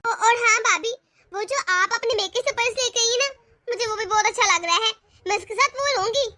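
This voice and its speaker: Woman doing a spoiled college girl, whiny and pushy, super high bright voice. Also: brisk, no echo. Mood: wheedling. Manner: pleading, wheedling.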